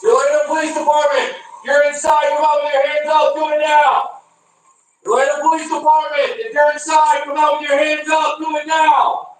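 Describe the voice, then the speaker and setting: A man's voice: extremely high pitch, flat delivery, normal speed, recorded from a distance. A male police officer giving commanding, repeated orders through a megaphone outside an apartment complex. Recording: echoey body camera audio with loud noise.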